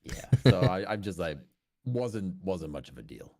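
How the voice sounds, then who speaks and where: A man playing a tabletop game, relaxed and rambling, laughing often. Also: low-pitched, moderate pace. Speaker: player. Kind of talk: casual tabletop play.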